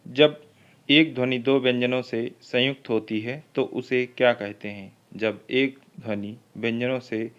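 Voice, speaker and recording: Smooth-voiced male exam-prep teacher, lo-fi. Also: mid-range voice. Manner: reads each question twice, then the options, then explains. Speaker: Hindi literature teacher.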